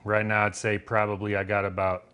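A man's voice: on the low side, little pitch movement, a little fast, bright, forceful tone, clear, resonant tone. A man with a Southern accent casually demonstrating a recipe in his kitchen, talking in a folksy, rambling way with loose grammar and plenty of filler words. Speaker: home cook demonstrating a recipe.

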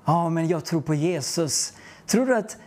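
A man's voice: a little high, animated, darkish tone. A man preaching, telling a personal testimony in an earnest, storytelling way and acting out the dialogue. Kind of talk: testimony sermon.

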